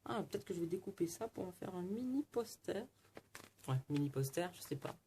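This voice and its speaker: This man's high, mellow voice has vocal fry and an animated, brisk delivery as he casually opens card packs and flips through magazines. He's a card-opening vlogger giving a chatty running commentary in an unboxing chat, over a little hiss or hum.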